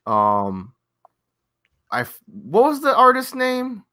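A man's voice: very high-pitched, takes it slowly. A man co-hosting a casual podcast, ranting and telling stories with plenty of swearing. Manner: ranting, profane, animated storytelling. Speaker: podcast co-host.

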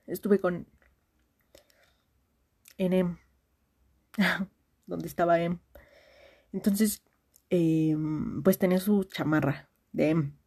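A husky, low-pitched Mexican woman in her twenties spills a long story to a friend in a voice message. Her tone is mellow and warm. She rambles in slang, restarting her sentences and piling on fillers. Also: steady tone, drawn-out words, pauses often. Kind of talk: casual confiding story.

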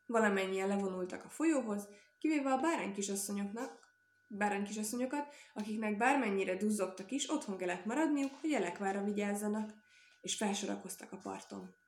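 A woman reading a children's story aloud in a calm, even storytelling manner. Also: mid-range voice. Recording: echoey room.

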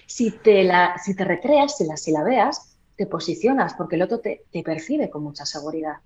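A woman voice therapist explaining in a podcast interview, demonstrating by changing her volume and slowing down. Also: lowish voice, expressive, a little mellow, muffled recording. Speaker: voice therapist and trainer.

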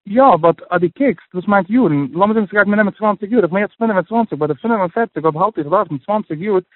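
A man talking casually as an interview guest, halting with many restarts and dropping in English phrases. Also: sits high, no echo. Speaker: guest sharing his personal budgeting story. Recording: tinny phone line.

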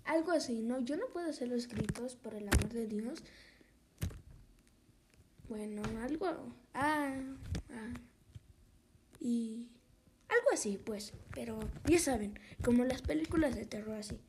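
A woman's voice: a little high, unhurried, long pauses, background noise. A woman telling an improvised horror story, rambling and correcting herself, often dropping to a whisper.

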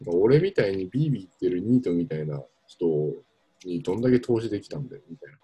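A young man talking casually on a podcast, rambling through animated stories with self-mocking laughs. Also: sits low, very fast, husky. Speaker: podcast co-host. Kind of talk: casual chat.

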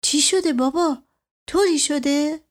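A woman voicing a caring, eager young daughter in an audiobook, speaking in a bright, coaxing way. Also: high voice, pitched above the performer's own voice, lightly acted. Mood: worried. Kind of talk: audiobook character voice.

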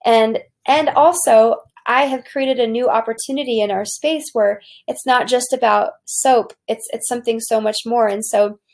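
Woman business owner, fry in the voice, preachy and earnest, stumbles and restarts a lot. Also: a little high, steady tone, normal speed, few pauses, a little mellow. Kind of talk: motivational talk.

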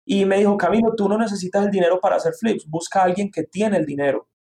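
High-voiced Colombian man telling his story. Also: fast, darkish tone. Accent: Colombian, Medellín. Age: 30s. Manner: earnest, storytelling, with frequent fillers. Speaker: guest, real estate investor. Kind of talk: personal story in an interview.

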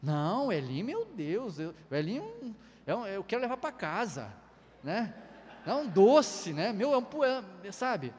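A man's voice: high voice, wildly swooping pitch, measured pace, darkish tone, breathy edge. A middle-aged man preaching a sermon in a chatty way, firing rhetorical questions and tagging lines with 'né'. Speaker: pastor. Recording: long hall reverb.

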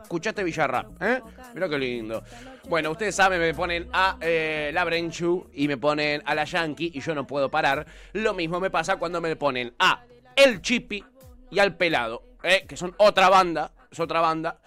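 A man's voice: moderate pace, soft background music. A young Argentine man hosting a casual stream, reading viewer comments and joking in slangy talk. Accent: Argentine Spanish. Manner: animated, jokey, slangy, swings pitch a lot. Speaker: stream host.

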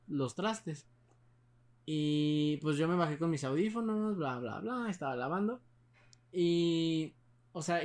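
A young man with a Mexican Spanish accent, casually telling a ghost story in a rambling, slangy way with many restarts. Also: a little high.

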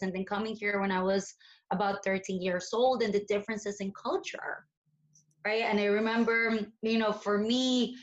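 A woman's voice: mid-range voice, lo-fi sound. A woman from Colombia, a therapist guest on a podcast, explaining things in a thoughtful way with many "you know"s. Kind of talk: podcast conversation.

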